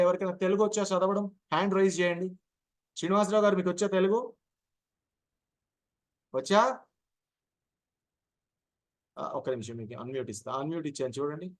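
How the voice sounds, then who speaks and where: A man teaching public speaking in an online session, explaining deliberately, mixing in English terms and acting out short examples, heard over a video call. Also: high voice. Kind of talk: online speech-skills lesson.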